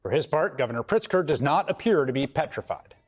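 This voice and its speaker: Husky-voiced male news anchor. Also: fairly high pitch, expressive, a little fast. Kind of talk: scripted news narration.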